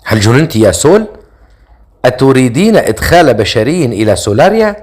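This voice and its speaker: A man's voice: mid-range voice, very animated, fairly quick, darkish tone, natural voice. A man voicing a hulking guard soldier who speaks harshly and sternly, in a storybook reading.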